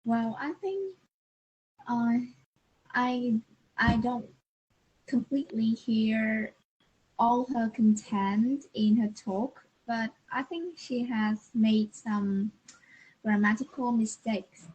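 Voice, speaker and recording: A woman's voice: fairly high pitch, takes it slowly, long pauses, a little mellow, husky, lo-fi sound. A young adult woman student, speaking hesitantly in English practice. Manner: hesitant, careful.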